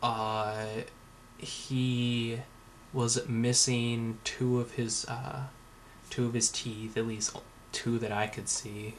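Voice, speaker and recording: A man's voice: mid-range voice, little pitch movement, slow pace, slight background noise. A young man telling a story in a casual vlog, sarcastic and rambling, full of fillers and swearing. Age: young adult. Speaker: vlogger.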